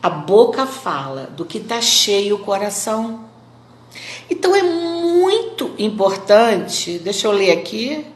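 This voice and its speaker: A woman from Brazil, a speaker, giving a live talk in an expressive, didactic manner. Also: mid-range voice, takes it slowly. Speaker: psychologist and speaker. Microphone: phone. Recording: roomy echo.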